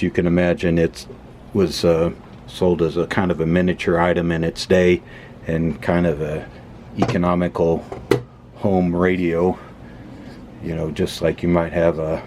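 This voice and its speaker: His low, dark-toned voice comes with a little hiss or hum. As host of an electronics teardown video, he gives a relaxed, off-the-cuff explanation while handling the device, stating things plainly but hesitantly as he thinks aloud.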